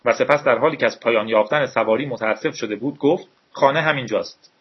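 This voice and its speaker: A man reading a novel aloud in a steady, measured storytelling voice with a husky tone. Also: mid-range voice. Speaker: audiobook narrator. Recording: dull lo-fi recording.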